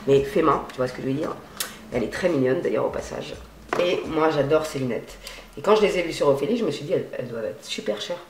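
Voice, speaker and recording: A woman vlogging a clothing haul in a chatty, slangy way, swearing freely and swinging between loud and quiet. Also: low-pitched, reverberant. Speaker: beauty and fashion vlogger. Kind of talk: casual haul vlog.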